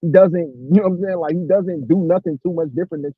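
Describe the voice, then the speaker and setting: A man's voice: sits high, quick pace, husky, no echo. A man calling in to a casual sports debate over choppy, breaking-up call audio, rambling and leaning on fillers. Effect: breaking-up online call audio. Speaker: panelist calling in. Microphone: remote call mic. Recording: muffled, dry call line.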